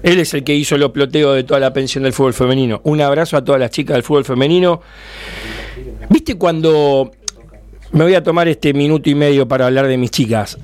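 A man with a Rioplatense Spanish accent hosting a casual, jokey fan radio show, fast-talking and excitable. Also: medium pitch.

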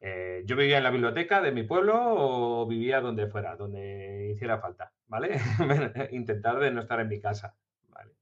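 A man's voice: mid-range voice, lively intonation, normal speed. Rambling man, lo-fi sound. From La Mancha, Spain. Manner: rambling, frank, many fillers. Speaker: podcast guest. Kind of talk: casual chat. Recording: slightly dull lo-fi sound.

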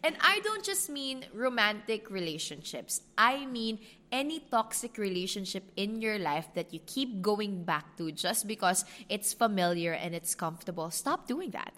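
A woman's voice: medium pitch, fairly bright tone. A woman in her twenties with a Filipino accent, hosting a solo advice podcast in an earnest, direct way and slipping in Tagalog words. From Philippines. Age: 20s. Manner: earnest, talks straight to the listener, mixes in Tagalog words. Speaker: podcast host.

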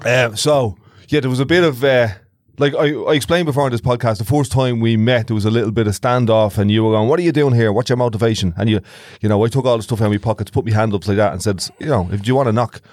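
A man's voice: medium pitch, fast talker, few pauses, darkish tone, dry recording, studio quality. An Irish-accented man talking casually and reflectively as co-host of a podcast.

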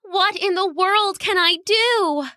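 Koma, a woman doing a tiny high-voiced kitten. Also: fairly even intonation, drawn-out words, pushed and bright, dry recording, studio quality, full character voice. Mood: miserable. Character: tiny young female kitten, timid.

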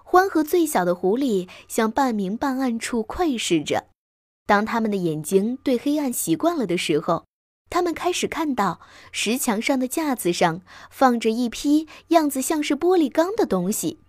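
A woman reading a bedtime story aloud with expressive, lively narration. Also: a little high, normal speed, no echo, clean studio sound.

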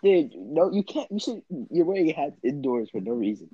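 A man's voice: on the high side, big pitch swings, a little fast, breathy edge, no echo, dull audio. A teenage guy hosting a casual video-call chat with friends, teasing and laughing often. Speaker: host.

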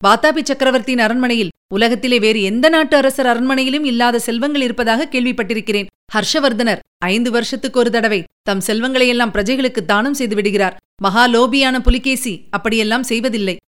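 A woman's voice: a little high, smooth, natural voice. A woman voicing an earnest male army general in an audiobook, delivering pressing reports. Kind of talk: audiobook character reading.

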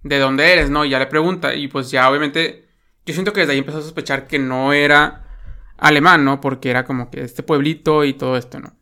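A man with a Mexican accent talks through a favorite film scene in loose, rambling chat, leaning on fillers and tag questions. His voice sits a little high and comes across bright and crisp. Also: steady tone, fairly quick. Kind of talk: casual film discussion.

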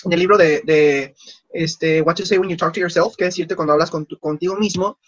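A man's voice: on the high side, fairly quick, no room sound, highs cut off. A man, casually telling stories in an interview and acting out the dialogue. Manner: animated, acts out quoted dialogue. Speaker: guest.

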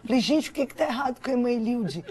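A woman's voice: a little high, lively intonation, rapid-fire, over a noisy crowd. A woman pastor hosting a church talk show, chatting with a guest and offering encouraging affirmations. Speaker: pastor and host. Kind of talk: interview chat.

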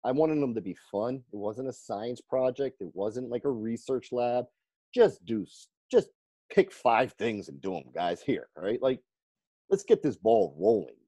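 Guy coaching firefighters telling stories, pitch jumps all over, laughs a lot. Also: moderate pace, slightly rough, no echo. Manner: animated, laughs often, acts out quoted people. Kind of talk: storytelling in a conversational interview.

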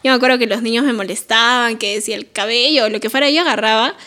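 High-voiced woman, chatty. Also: quick pace, bright, forceful tone. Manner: chatty, playful, laughs easily. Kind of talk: casual conversation.

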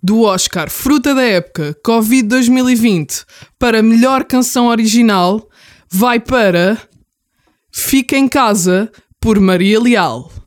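A woman with a European Portuguese accent formally announcing awards in a scripted, drawn-out way with pauses. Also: on the high side. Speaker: awards presenter.

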